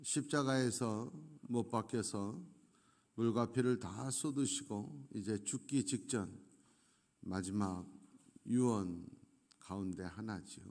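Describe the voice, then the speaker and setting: A middle-aged male pastor giving an earnest sermon, slowing down for emphasis between phrases. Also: fairly low pitch, a little mellow. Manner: earnest preaching with slow, emphatic pauses. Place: church sanctuary. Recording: echoey church hall.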